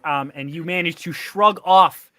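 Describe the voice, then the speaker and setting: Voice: medium pitch, unhurried, bright, forceful tone. A game master narrating a tabletop game in an easygoing way. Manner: easygoing, filler-heavy narration.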